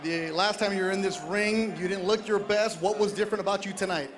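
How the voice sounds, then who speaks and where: A man doing a live post-fight interview in the ring, speaking up loudly. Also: high-pitched, fairly even intonation, fairly quick. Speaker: ringside interviewer. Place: boxing ring in an arena. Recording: loud crowd noise in arena.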